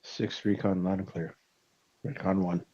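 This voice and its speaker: A man's voice: sits low, level tone, unhurried, warm tone, husky. A man answering over a helmet radio in terse, clipped call-sign procedure as a recon team leader. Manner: terse, by-the-book call signs. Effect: helmet radio, heard over comms. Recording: dull, lo-fi radio sound, from far off.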